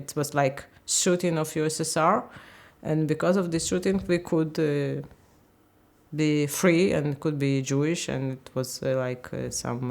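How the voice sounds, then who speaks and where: Woman in her 50s, low gravelly voice, halting, keeps hunting for the english word. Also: darkish tone. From Ukraine. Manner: halting, searching for English words. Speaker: interviewee, language teacher. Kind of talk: candid personal interview.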